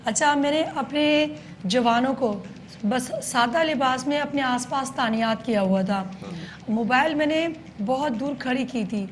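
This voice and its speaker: A woman police station chief giving a news interview, explaining in detail with frequent hesitant pauses. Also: high-pitched, slight background noise.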